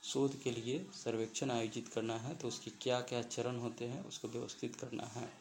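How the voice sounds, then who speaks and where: A man with a gravelly, fairly monotone voice explains quiz questions like a teacher. He goes through each answer option step by step and drops English terms into his explanations. A faint hiss sits under the recording. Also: medium pitch, moderate pace, poor audio. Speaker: exam-prep teacher.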